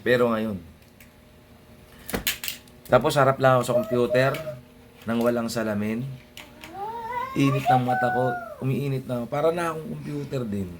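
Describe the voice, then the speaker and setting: A man's voice: medium pitch, wildly swooping pitch, normal speed, long pauses, noisy background. A young man ranting casually to his viewers in a blunt, sardonic way, swearing often and muttering asides under his breath. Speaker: vlogger.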